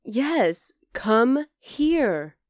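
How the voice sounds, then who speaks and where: A voice actor performs an ASMR roleplay as a young wolf-girl girlfriend, delivering an acted one-sided dialogue that is teasing and affectionate, casually exasperated yet tender and fond. Her voice is a little high and exaggerated, with big pitch swings and drawn-out words. The recording is dry and studio quality.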